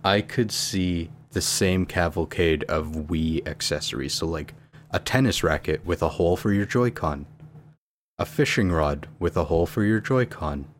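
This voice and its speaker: A man's voice: deep voice, normal speed. A man co-hosting a casual gaming chat, explaining console settings step by step and swearing casually. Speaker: podcast co-host. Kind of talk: casual chat about video games.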